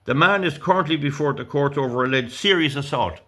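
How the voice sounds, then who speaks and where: In a fairly high, somewhat bright voice and at a brisk clip, an Irish man in his sixties reads out news items and rants about them. This political commentator is indignant and rambling, often tripping over his words.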